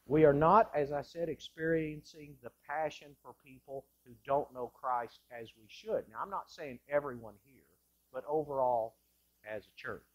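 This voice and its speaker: A male pastor delivering an impassioned sermon in a church sanctuary, moving between loud bursts and hushed lines. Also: on the high side, normal speed.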